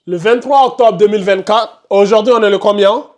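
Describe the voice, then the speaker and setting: A man's voice: sits high, a little fast, darkish tone. A man teaching a live tajwid class, questioning students by name and insisting they concentrate. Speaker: Quran recitation teacher.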